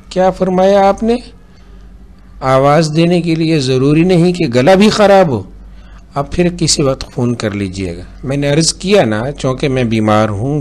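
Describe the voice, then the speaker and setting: A man's voice: mid-range voice, a little mellow, close to an everyday voice. A man voicing a sick, irritable husband in bed who complains about the noise. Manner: weary, peevish complaining.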